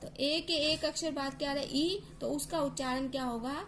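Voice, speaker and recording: A woman's voice: high voice, steady tone, a little fast, a bit bright. A woman teacher explaining English pronunciation, repeating words and spelling out letters to drill each sound.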